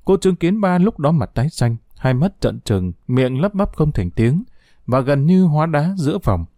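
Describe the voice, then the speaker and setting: A man's voice: fairly high pitch, sing-song, normal speed, dark tone, dry recording, studio quality. Man narrating a dramatic story.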